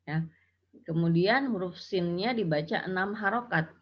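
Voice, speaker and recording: Chanting sample syllables as she goes, this woman patiently lays out the rules of Quran recitation as a tajwid teacher. Her pitch is fairly low, her pace moderate, and the recording has a dull lo-fi quality.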